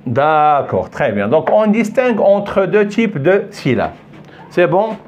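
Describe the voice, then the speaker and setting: An older man leads a pronunciation lesson at an unhurried pace, repeating key words and checking in with his pupils. His voice sits somewhat high and swings widely in pitch as he stresses each syllable. He praises and questions a young pupil along the way. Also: big pitch swings, darkish tone, a little hiss or hum. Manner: patient, repeats himself, checks understanding often. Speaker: French teacher. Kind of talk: recorded French pronunciation lesson.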